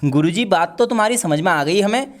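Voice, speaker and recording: A curious schoolboy with a fairly high voice, asking naive questions in a pleading, puzzled way, as a man puts him on. He is a cheeky student in a classroom skit. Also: animated, brisk.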